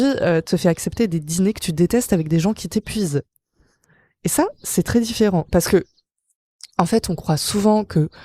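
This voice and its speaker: A woman's voice: lowish voice, warm tone, no room sound, clean studio sound. A woman hosting a psychology podcast, explaining things in a chatty, conversational way with playful asides. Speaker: podcast host. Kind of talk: casual psychology podcast monologue.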